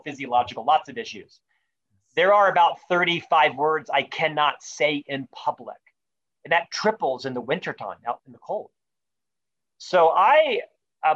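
On lo-fi audio, a man in his fifties, an author on leadership, gives lively answers in an interview. His voice sits on the high side with a fairly bright tone, and he enunciates with care and emphasis while stringing together lists of questions and points.

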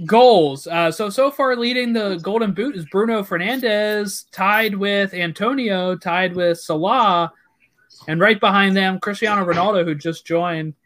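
A man's voice: sits high, a little slow, a bit bright. A man hosting a casual sports chat, talking freely and reading out lists of fixtures and scorers.

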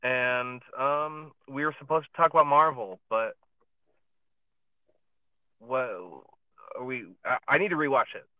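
A man's voice: mid-range voice, a little slow, pauses often, clear, resonant tone, dry recording. Man rambling on a tinny phone line. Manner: rambling, many fillers and restarts. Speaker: podcast co-host. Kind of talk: casual chat. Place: parked car in a driveway. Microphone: phone over a podcast app.

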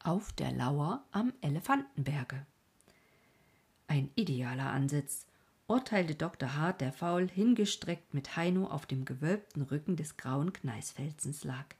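Husky woman narrating an adventure tale. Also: deep voice, lively intonation, a little slow, hardly any pauses, a little mellow. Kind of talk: scripted audiobook narration.

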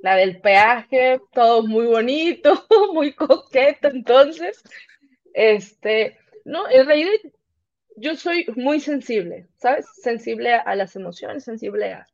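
A woman's voice: a little high, takes it slowly, dry recording, muffled recording. A woman with a Mexican accent, a podcast guest chatting casually and telling stories, acting out what people said. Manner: animated storyteller, acts out quoted speech. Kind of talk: casual chat.

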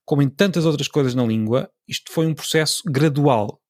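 A man's voice: fairly high pitch, a little fast, a little mellow, no echo, studio quality. A man with a European Portuguese accent hosting a solo podcast about word origins, explaining thoughtfully with small hesitations and self-corrections. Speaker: podcast host. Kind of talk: solo educational podcast monologue.

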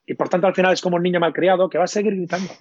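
A high-voiced man, racing along in a steady tone that is slightly mellow, talks about his coaching methods in an interview. As a coach and trainer, he explains them thoughtfully but often falters mid-sentence. The recording sounds dull, lo-fi and dry.

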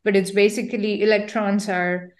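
A woman's voice: mid-range voice, flat delivery, moderate pace. A young woman hosting a casual science podcast interview, bubbly and playful, joking about herself. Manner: bubbly, playful, self-deprecating. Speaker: podcast host.

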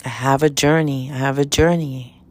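This woman's pitch is extremely low, her intonation fairly even, and her speed normal. She is a spiritual self-help vlogger in her late fifties, originally from the Dominican Republic and raised in New York City's Washington Heights, and she gives a casual pep talk in a New York accent using short, emphatic phrases she repeats.

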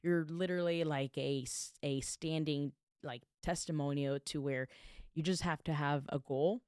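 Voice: mid-range voice, steady tone, moderate pace, a little mellow, clear, resonant tone, no echo, clean studio sound. A podcast interviewer in casual chat, encouraging and repeating phrases for emphasis.

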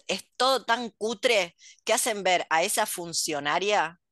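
A woman's voice: mid-range voice, lively intonation, unhurried, a bit bright, no echo, studio quality. A middle-aged Argentine woman in casual chat, gossipy and ironic, often trailing off into asides. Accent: Argentine Rioplatense Spanish. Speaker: podcast co-host.

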